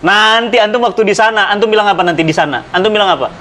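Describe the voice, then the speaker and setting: Animated storytelling preacher man. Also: fast. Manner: dramatic, swings pitch and loudness while acting out anecdotes; addresses listener directly, persuasive. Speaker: Islamic preacher. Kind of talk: animated religious storytelling in conversation.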